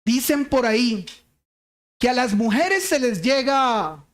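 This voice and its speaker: A man preaching a sermon, speaking deliberately and asking the congregation rhetorical questions. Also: very high voice, animated, fairly bright tone. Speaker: pastor.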